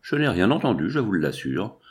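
Male audiobook reader, low voice, measured and cool, first-person novel. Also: big pitch swings, husky.

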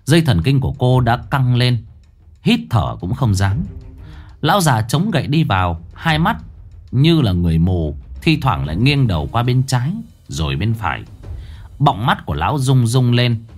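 A man narrating a ghost story in a dramatic, expressive way. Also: mid-range voice, normal speed. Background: faint background music.

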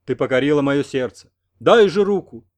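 A man's voice: on the high side, expressive, moderate pace, lightly acted. A man reading an audiobook, voicing a brash, pompous American man who talks in effusive, flowery phrases. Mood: infatuated.

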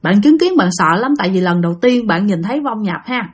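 A woman's voice: mid-range voice, lively intonation, fairly quick, slightly rough. A woman telling ghost stories in a chatty, vivid way, addressing her listeners directly. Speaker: storyteller. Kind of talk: casual spooky storytelling narration.

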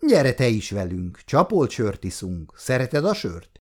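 A man's voice: medium pitch, very animated. A man doing a smug, sugary young woman. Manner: sugary, condescending. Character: young woman, smug, gushing, teasing rival.

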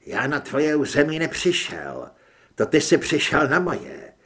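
A man's voice: a little high, wildly swooping pitch, fairly bright tone. A man voicing a tough male monster hunter who answers with curt, dry replies. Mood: defiant.

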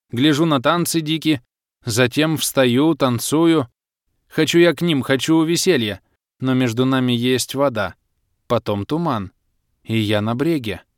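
A man's voice: medium pitch, dry recording, studio quality, close to an everyday voice. A man voicing a dazed old-fashioned fisherman who chants half-remembered visions in a dreamy sing-song.

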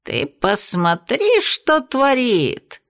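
A woman voicing a cowardly horned male imp with a strained, wheezing voice and drawn-out, pleading words. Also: a little high, sing-song, fairly bright tone, voice pushed up, heavily acted. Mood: excited.

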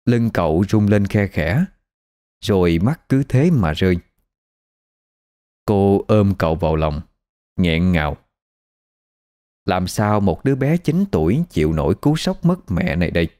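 A man narrating a scripted ghost story in an expressive storytelling manner. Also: deep voice, normal speed.

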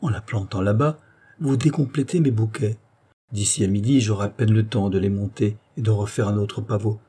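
A man's voice: fairly low pitch, fairly even intonation, moderate pace, dark tone, husky. A man voicing a proper young goddaughter who speaks primly and scolds. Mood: reproachful. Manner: prim, reproachful.

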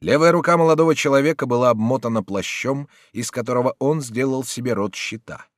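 A man's voice: medium pitch, brisk, no echo, studio quality. A man narrating an adventure novel as an audiobook with a dramatic reading. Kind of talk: scripted narration.

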